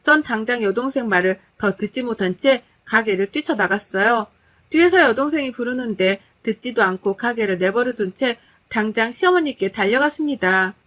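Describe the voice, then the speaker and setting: A woman's voice: on the high side, lively intonation, normal speed, a bit bright. A woman narrating a first-person story in an indignant, dramatic manner.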